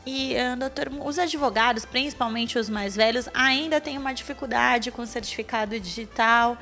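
A woman's voice: fairly high pitch, moderate pace, pushed and bright, faint music behind. A young woman interviewing a lawyer in a small office, asking polite, formal questions. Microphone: handheld interview mic.

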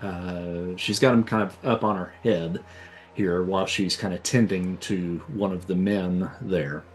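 A man narrating as game master in a relaxed, descriptive way, filling pauses with uh. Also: low voice, a little hiss or hum. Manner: relaxed, descriptive, with many fillers.

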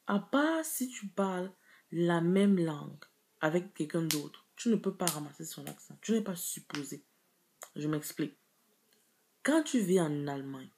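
A woman delivering a teasing, emphatic comedic rant to camera as a vlogger, with drawn-out exclamations. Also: lowish voice, darkish tone. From Côte d'Ivoire.

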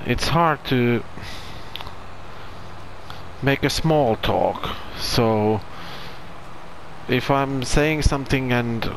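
A Finnish man, a non-native English speaker, gives casual commentary over farming gameplay as a gaming channel host, searching for his words. His mid-range voice is very slow with frequent pauses. The recording is rough, with slight background noise.

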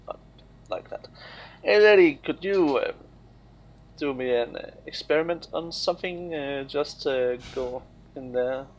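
A man's voice: fairly high pitch, vocal fry, a little hiss or hum. A man giving casual, jokey commentary while playing a game, exclaiming and laughing often. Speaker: gamer playing on video. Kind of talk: casual let's play commentary.

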